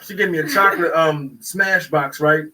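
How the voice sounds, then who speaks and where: A man hosting a talk show, excitable and profane. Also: a little high, moderate pace, distant mic, poor audio. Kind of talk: casual chat.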